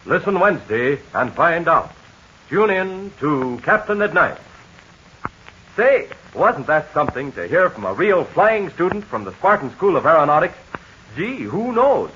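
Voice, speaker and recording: Heard on a muffled old radio transcription with slight background noise, a man delivers a 1940s serial's sponsor pitch to kids. The tone is eager and breathless, and his sing-song voice sounds pushed and bright, a touch slow.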